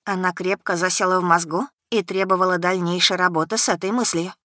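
A woman reads a first-person novel aloud in a measured, expressive way. Her voice is low-pitched but bright and forceful. The recording is dry and close, with no room sound. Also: dry recording. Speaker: audiobook narrator. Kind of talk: first-person audiobook narration.

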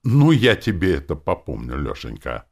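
A man's voice: very deep voice, wildly swooping pitch, normal speed, vocal fry, husky, full character voice. Man putting on a cheeky squabbling spirit. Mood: indignant. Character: cheeky indignant male spirit sidekick.

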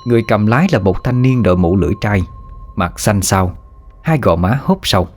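A man reading a ghost story aloud in a steady, measured narration, over faint music. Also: fairly low pitch. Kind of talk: scripted horror story narration.

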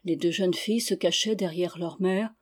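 Measured audiobook narrator. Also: medium pitch. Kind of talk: scripted narration of a historical novel.

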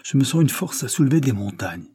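A man's voice: mid-range voice, big pitch swings, fairly quick, mellow, slightly rough, voice pushed up. A man voicing an impassioned, lovestruck young nobleman in a read-aloud novel, eager in manner. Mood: exalted.

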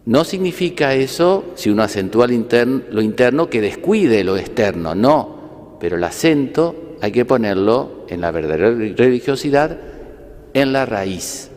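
A man's voice: medium pitch, lively intonation, measured pace, long reverb tail. A man, a priest, giving a conversational homily with rhetorical questions and light humor. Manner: gently humorous.

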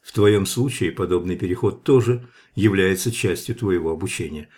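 A man's voice: low voice, normal speed, a little mellow, lightly acted. A man reading the parting advice of an older male institute director in a grave, instructive manner.

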